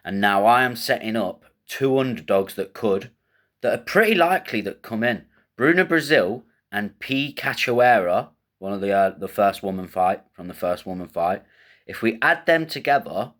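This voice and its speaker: A man with a lowish voice runs through fight picks and betting odds in a loose, rambling style. He thinks out loud, drops slang and swears casually as he goes. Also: lively intonation, unhurried. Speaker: host of a fight betting show.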